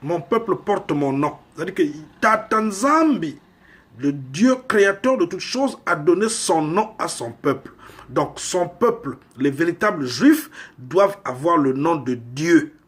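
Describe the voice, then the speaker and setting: A male preacher from Congo speaks in an unhurried, deliberate cadence. His voice sits a little high and carries a husky, breathy edge. He presses his points with emphatic rhetorical questions. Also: big pitch swings, a bit bright. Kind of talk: sermon.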